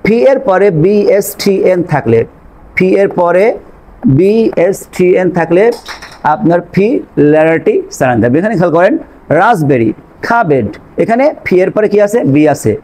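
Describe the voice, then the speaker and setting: High-voiced man teaching English sounds. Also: lively intonation, moderate pace, darkish tone, poor audio. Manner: patient, repetitive, asks questions and answers them himself. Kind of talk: spoken lesson on English pronunciation.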